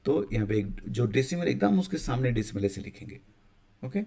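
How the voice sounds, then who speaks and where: A man's voice: medium pitch, lively intonation, dark tone. A man teaching a maths lesson in a casual, explaining manner, often checking in with students and sometimes restarting his sentences. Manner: casual explaining, frequent "ठीक है" check-ins, halting restarts.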